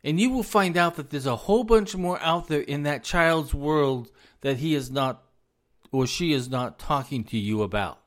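A man's voice: fairly high pitch, normal speed. A man giving earnest, informal advice to parents, repeating himself for emphasis, losing his voice. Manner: earnest, repetitive, addresses parents directly. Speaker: speaker on parenting.

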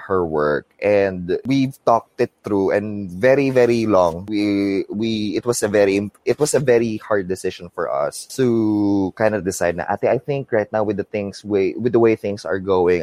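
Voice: sits low, darkish tone, no echo. A podcast host with a Filipino accent, speaking casually and switching between Tagalog and English.

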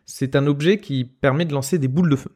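A man's voice: medium pitch, fast talker, a little mellow. A man with a Lorraine accent hosting a quiz on a casual podcast, hesitant and full of fillers. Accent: Lorraine French. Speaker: quiz host.

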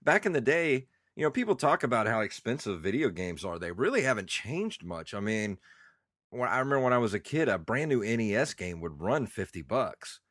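A man's voice: lowish voice, sing-song, a little fast, a bit bright, no room sound, clean studio sound. A man in his thirties co-hosting a podcast, congested and chatting in a rambling, nostalgic way with plenty of fillers. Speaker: podcast co-host. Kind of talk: casual chat.

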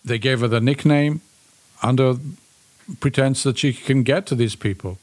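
A man of middle pitch co-hosts a casual podcast discussion. He speaks in short, repeated declarative statements. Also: moderate pace. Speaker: podcast co-host.

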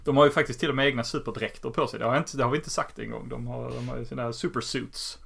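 Swedish man recapping a comic, animated. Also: mid-range voice, vocal fry, slightly rough. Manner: animated retelling, laughs often. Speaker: podcast host. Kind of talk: casual comic book recap.

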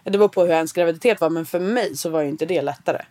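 A woman's voice: sits low, a crowd in the background. A woman in her thirties co-hosting a casual podcast, talking frankly and plainly and swearing casually. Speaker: podcast co-host.

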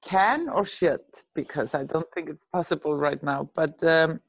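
A middle-aged Icelandic film editor answers questions in a casual interview, thoughtful and hesitant, with fillers and restarts. Her voice sits low and her pace is measured.

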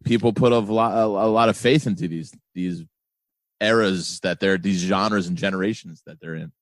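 A man's voice: low voice, normal speed, no room sound. A man of forty, a guest on a podcast, chatting casually in an easygoing, joking, rambling way. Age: 40s. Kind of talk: casual chat.

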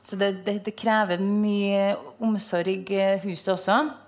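A woman hosts a relaxed interview in a mid-range voice. She talks in a thoughtful way, feeling for her words as she goes. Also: mid-range voice. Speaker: host. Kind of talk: conversational interview.

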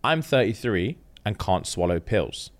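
Animated man in his thirties, pitch jumping all over, chatty podcast co-host. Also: a little slow. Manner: animated, laughs often, London slang. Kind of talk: casual chat.

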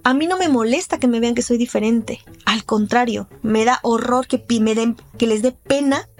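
Candid Mexican woman with lively talk. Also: fairly high pitch, moderate pace, soft background music. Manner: candid, emotional, with restarts and reenacted quotes. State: living with chronic pain. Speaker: interviewee. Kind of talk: personal testimony in a podcast.

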